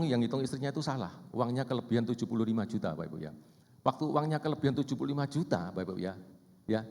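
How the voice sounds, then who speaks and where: Man preaching in an echoey church hall. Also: medium pitch. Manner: asks the audience questions, repeats "Bapak Ibu ya". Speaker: seminar speaker. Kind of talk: church seminar talk to couples. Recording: hall with long reverb.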